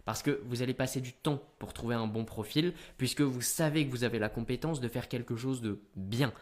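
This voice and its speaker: A teenage man giving business advice straight to camera in an energetic, punchy way. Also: medium pitch, brisk. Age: teens.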